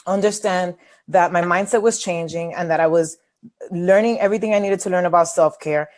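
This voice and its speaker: A woman's voice: fairly low pitch, darkish tone. Candid, chatty New woman. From New York City. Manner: candid and chatty, many fillers. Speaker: webinar host and coach. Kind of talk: casual webinar talk.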